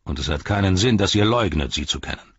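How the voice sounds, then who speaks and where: A man reading an audiobook and voicing a sneering, mocking male herald of a dark lord, with a taunting, gloating manner. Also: low-pitched, animated, fast talker, slightly rough, no echo, highs cut off. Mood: scornful.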